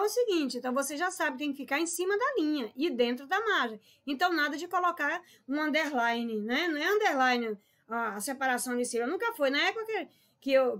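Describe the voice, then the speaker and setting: High-pitched woman teacher in her 40s, emphatic online lesson, chatty scolding tone. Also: expressive, fast talker, a bit bright. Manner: chatty, scolding, emphatic, calls viewers "povo lindo".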